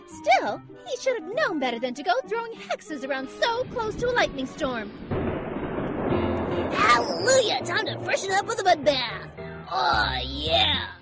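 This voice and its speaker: Brash, quirky cartoon character, very high-pitched, exaggerated, music underneath. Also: female voice, heavily acted. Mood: excited. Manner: exaggerated, animated delivery. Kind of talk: cartoon voice acting demo.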